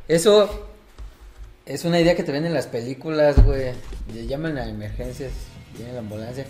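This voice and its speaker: A man's voice: medium pitch, moderate pace, darkish tone, soft background music. A Mexican man co-hosting a podcast, pushing with slangy questions in casual chat. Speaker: podcast co-host.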